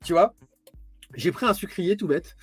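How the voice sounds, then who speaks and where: A man's voice: high voice, expressive, measured pace, husky, no echo, soft background music. A man hosting a casual live stream from home, rambling and chatty as he speaks straight to the viewer. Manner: rambling, chatty, addresses viewer as tu, frequent restarts.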